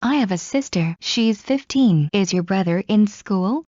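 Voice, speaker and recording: A woman reading scripted English practice dialogues in a slow, clear drill delivery. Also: mid-range voice, expressive, darkish tone, dry recording. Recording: muffled lo-fi recording.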